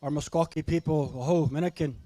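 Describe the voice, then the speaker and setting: Higher-pitched man emceeing a powwow. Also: fairly even intonation, warm tone, no echo. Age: middle-aged or older. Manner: folksy, unhurried, repeats names and phrases. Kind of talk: powwow emcee announcing, calling names to the crowd. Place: live microphone at a powwow event.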